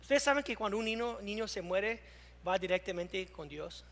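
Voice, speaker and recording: High bright voice, guy preaching a sermon, reads scripture slow, gets loud then goes hushed, echoey church hall. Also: expressive. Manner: preaching with emphatic swings between loud and hushed; reads scripture aloud slowly. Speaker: pastor.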